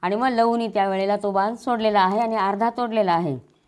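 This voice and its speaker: A woman's voice: mid-range voice, fairly even intonation, fairly quick. A woman reciting verses from a religious scripture and then retelling each passage in plain everyday speech. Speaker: scripture reader.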